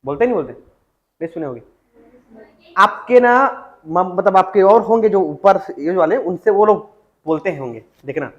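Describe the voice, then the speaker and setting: Male teacher, high voice, dull lo-fi classroom recording, dictates and repeats words. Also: expressive, moderate pace, long pauses. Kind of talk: classroom lecture on Chhattisgarhi vocabulary.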